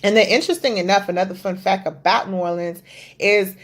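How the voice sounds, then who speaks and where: A woman's voice: medium pitch, fairly quick. A young woman hosting a podcast and telling a story in blunt, profane casual chat. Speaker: podcast host.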